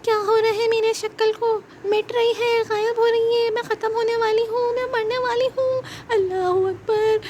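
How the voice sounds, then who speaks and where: A shrill, whiny little girl doll, as a woman puts her on, wailing and pleading in an overdramatic children's puppet show. Her voice sits very high and strains upward. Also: little pitch movement, moderate pace, hardly any pauses, darkish tone, slight background noise.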